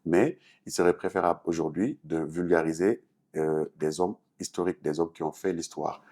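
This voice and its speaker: Answering interview questions as a talk show guest, this Senegalese artist and activist has a low, warm voice and speaks at normal speed. He explains things earnestly in French-speaking West African style, with a Senegalese accent.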